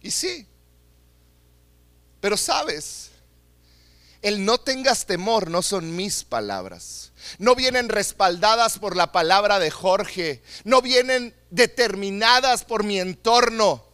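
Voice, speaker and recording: Bright-voiced pastor preaching slowly. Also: male voice, sits high, animated, no room sound. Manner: earnest, emphatic, repeats phrases for stress. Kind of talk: sermon.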